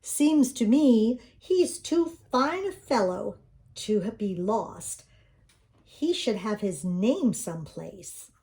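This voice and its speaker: A woman's voice: medium pitch, expressive, slow, mellow. An older woman voicing a kindly, thoughtful young man, an artist in a storybook, with a folksy, musing manner. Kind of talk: children's storybook read-aloud.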